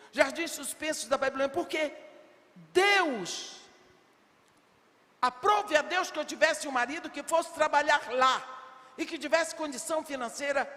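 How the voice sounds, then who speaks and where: An older woman with a high voice preaches at a women's congress, slow and deliberate, leaning on rhetorical questions and rising to shouts. The big church hall gives her voice a long reverb tail.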